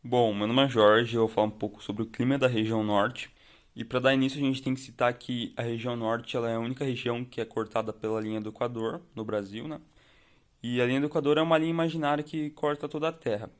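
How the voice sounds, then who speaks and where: A young man giving a spoken class presentation, explaining his topic quickly and clearly. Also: mid-range voice, fairly even intonation. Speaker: student presenter.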